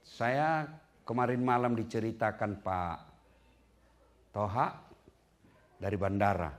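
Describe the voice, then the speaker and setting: A man preaching a lively sermon to a congregation. He asks the listeners direct questions and swings between low, hushed storytelling and high, loud punchlines. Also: slow pace. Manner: addresses the audience directly with questions. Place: community gathering hall.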